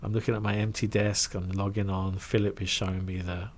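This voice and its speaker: A middle-aged man telling a career story in a casual, animated way, acting out quoted voices and trailing into asides. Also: lowish voice, fairly quick. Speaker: guest recounting his career.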